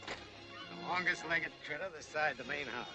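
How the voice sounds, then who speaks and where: An actor playing a big, humble middle-aged cowboy in a 1940s Western film, folksy and halting, with an American Western accent. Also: male voice, a little high, natural voice. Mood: gentle, bashful. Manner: folksy, plain-spoken, halting. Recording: old film soundtrack with music.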